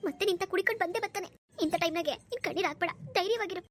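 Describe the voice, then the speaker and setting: A woman's voice: very high voice, racing, slight background noise. A woman voicing an older village mother-in-law in a cartoon, who consoles her daughter-in-law in a firm, motherly way. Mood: consoling. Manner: scolding then consoling, motherly. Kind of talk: cartoon dubbing.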